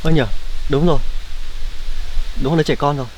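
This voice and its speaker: A man talking softly and soothingly outdoors in a mountain forest, cooing and hushing as he speaks. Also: fairly high pitch, fairly even intonation, fairly quick, a little hiss or hum, rough recording. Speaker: vlogger. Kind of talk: casual self-filmed vlog.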